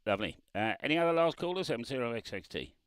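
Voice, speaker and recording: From his car parked beside the road, a ham radio operator makes casual chat over a remote radio, laughing a lot and spelling out call signs. He talks fast at a medium pitch with big pitch swings, and there's background noise.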